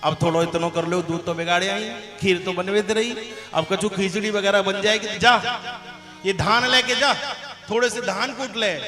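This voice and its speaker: A man's voice: high-pitched, steady tone, normal speed, lightly acted. A man voicing a stern, scolding village mother-in-law during a devotional story, recorded in an echoey hall with music behind. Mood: grumbling. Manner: scolding, commanding.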